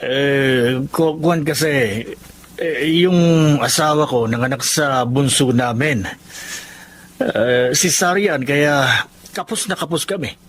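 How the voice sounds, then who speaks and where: A man's voice: medium pitch, takes it slowly, a bit bright, a little hiss or hum. An actor playing a struggling working-class man in a radio drama, speaking hesitantly with stammers.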